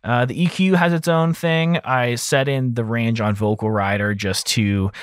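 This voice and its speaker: Speaking close into a large arm-mounted broadcast mic in a small indoor home studio, an audio engineer in his thirties hosts a mixing series tutorial casually. His mid-range voice is steady and clean at a measured pace, with no echo.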